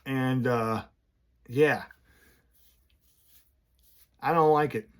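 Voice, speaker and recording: A man speaks straight to the camera from his office, talking casually and candidly in a loose, rambling way. New braces slur his speech, blurring his esses and th sounds. His voice is pitched in an ordinary male middle range. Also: drawn-out words. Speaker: vlogger running a business. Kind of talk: casual vlog talk to camera.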